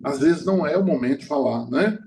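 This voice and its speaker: A man's voice: a little high, lively intonation, fairly quick, vocal fry, darkish tone, slight background noise. A middle-aged man preaching a sermon as a prophet, telling personal stories with frequent restarts. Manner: storytelling, hesitant restarts, laughing at own stories.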